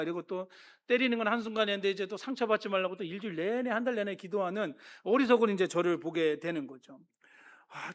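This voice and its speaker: A man's voice: sits high, a bit bright. A man in his fifties, a pastor giving a sermon, telling personal stories in a conversational, self-deprecating way.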